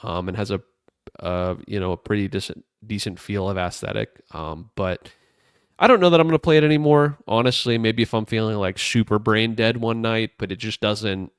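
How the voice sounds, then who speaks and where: A man co-hosting a casual gaming podcast, rambling in a relaxed way with lots of fillers. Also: fairly low pitch, moderate pace, clean tone, dry recording, studio quality. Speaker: podcast co-host.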